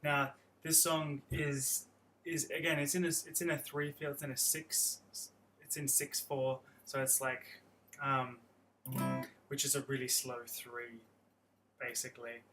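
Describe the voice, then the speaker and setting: A young man teaches guitar on a live stream, explaining chords in a friendly, rambling manner and restarting many times while guitar plays behind his voice. He speaks at a medium pitch in a level, unhurried tone, and the audio quality is poor.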